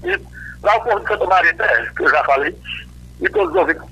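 A man from Northeast Brazil phones in to a radio show on a crackly cordless line, rambling through greetings to his friends. His high, sing-song voice moves at a quick pace, sounding pushed, bright and slightly rough.

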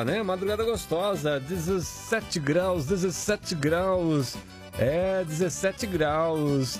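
A man with a Brazilian Portuguese accent hosting an early morning radio request show, chatty and upbeat. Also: high-pitched. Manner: chatty, upbeat, sings along between requests.

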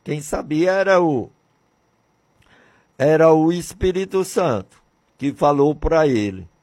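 A Brazilian radio presenter in his sixties speaks on religious radio with fervor, repeating himself and asking many rhetorical questions. His voice is on the high side, animated and a little mellow, yet he takes his time.

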